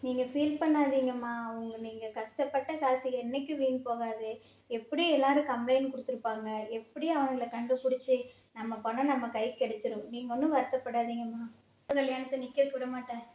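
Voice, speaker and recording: A woman's voice: high-pitched, steady tone, brisk, darkish tone, roomy sound, natural voice, low-quality recording. A woman playing a young daughter about to marry, urgent and protective toward her mother in a home-made family skit. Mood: comforting. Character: young bride-to-be daughter, worried.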